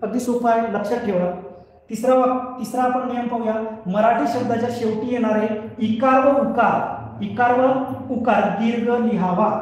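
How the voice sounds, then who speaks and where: A male teacher with a high but mellow voice gives a patient grammar lesson. He asks his own questions and answers them, going over each rule again and again. The recording is very echoey, with a long hall reverb, and he stands far from the mic. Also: steady tone, normal speed. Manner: repeats each rule several times. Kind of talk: online scholarship exam grammar lesson.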